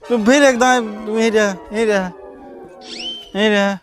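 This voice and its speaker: A man's voice: sits high, fairly even intonation, slow, over music. A man playing a drunk village son in a rural comedy sketch, slurred and rambling, repeating himself in a Bhojpuri accent. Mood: pestering.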